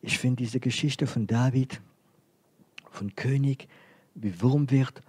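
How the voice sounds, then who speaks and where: A man with a French accent preaching a sermon, dropping to near-whispers and rising to loud, repeated emphasis. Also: mid-range voice, slow pace, breathy edge, dry recording. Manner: swings from hushed, near-whispered lines to loud emphatic repetition.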